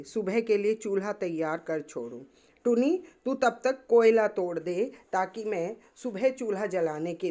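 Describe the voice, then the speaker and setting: Brief: woman doing a gentle coaxing servant mother, slow storybook read. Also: medium pitch, lightly acted.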